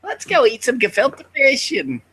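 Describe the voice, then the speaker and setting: Man putting on an elderly woman, doting, gushing, shrill, bright, high-pitched. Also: big pitch swings, a little slow, breathy edge, full character voice. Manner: shrill, sing-song, fawning.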